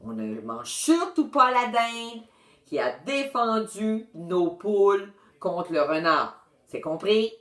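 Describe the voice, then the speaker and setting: Storybook read-aloud: a woman playing a kindly, harried aunt, soothing and slow. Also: medium pitch, big pitch swings, fairly bright tone, pitched above the performer's own voice. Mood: scolding. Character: flustered gentle farm aunt, soft-hearted woman. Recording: roomy echo.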